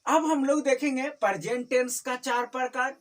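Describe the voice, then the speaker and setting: A woman's voice: sits high, normal speed. A woman tutoring a class, repeating each term and checking often that students follow. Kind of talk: classroom teaching. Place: tuition classroom. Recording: distant mic with faint background noise.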